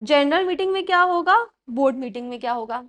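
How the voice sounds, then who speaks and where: A young woman teaching a class and mixing English terms into Hindi, dictating slowly, repeating points and checking that her students follow. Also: high-pitched, lively intonation. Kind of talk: classroom lecture.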